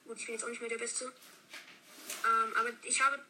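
A woman giving quick play-by-play commentary on her own match, heard as low-quality stream audio played back from a video. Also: level tone, pushed and bright, a little hiss or hum. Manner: quick play-by-play narration with fillers. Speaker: gaming video creator. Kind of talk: casual gameplay commentary.

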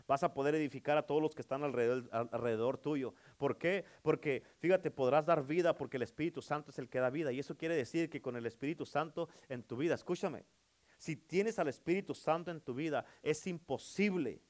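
With a mid-range voice, this preaching pastor shouts "amen" frequently while moving back and forth from booming declarations to quiet, hushed stretches.

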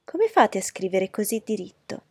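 A woman's voice: mid-range voice, sing-song, moderate pace, vocal fry, dark tone, breathy edge, no echo, heavily acted. A woman reading aloud voices a young society lady who fawns eagerly and insists on her compliments. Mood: gushing.

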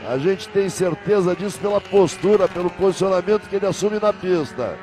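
A man's voice: high-pitched, fairly quick. A man commentating live on a car race as a motorsport commentator, emphatic and repeating names and phrases. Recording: loud engine and trackside ambience noise.

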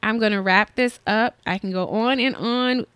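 Smooth-voiced mom hosting her own podcast. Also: a little high, normal speed, a bit bright, dry recording. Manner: motivational, earnest, chatty. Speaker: podcast host. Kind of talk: solo podcast monologue.

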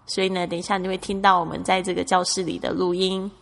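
A woman's voice: lowish voice, little pitch movement, fast, gravelly, in a large hall. A woman from Taiwan with a Taiwanese Mandarin accent, patiently explaining English words and spelling them out as a teacher. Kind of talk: explanatory lesson narration.

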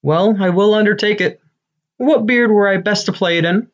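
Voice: medium pitch, normal speed, natural voice. A self-important amateur thespian of a man, as an actor plays him, declaiming eagerly and bombastically. It is Shakespearean comedy, in a slightly dull recording. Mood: boastful. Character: Bottom, boastful, eager amateur-actor weaver, adult man.

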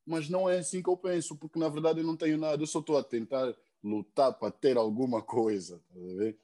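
A young man talks in a warm, relaxed tone that sits slightly high. He keeps circling back, repeating words and tacking on questions to his listener as he explains himself in a casual podcast chat. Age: young adult. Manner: earnest, halting, many repeated words and tags. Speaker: rapper, podcast guest.

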